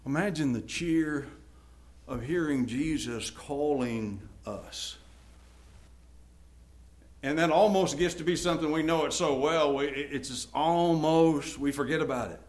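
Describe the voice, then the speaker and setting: Man, preacher, sermon, scripture reading, quiet asides, loud swells, slightly high voice. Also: unhurried.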